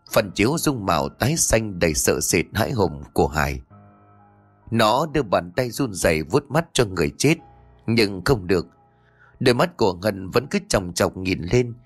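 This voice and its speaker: A man narrating a horror story in a dramatic, tense read. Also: on the low side. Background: faint music.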